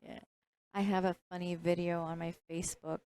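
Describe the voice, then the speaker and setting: A woman's voice: fairly low pitch, little pitch movement, brisk, dark tone, clean tone. A woman who is not a native English speaker, chatting casually as a pool match commentator and laughing at her own jokes.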